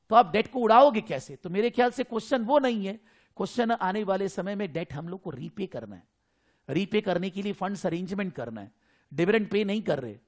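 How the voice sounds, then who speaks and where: A man with an Indian accent teaching an accounting class, explaining in a mix of Hindi and English. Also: high voice. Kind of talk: online class lecture.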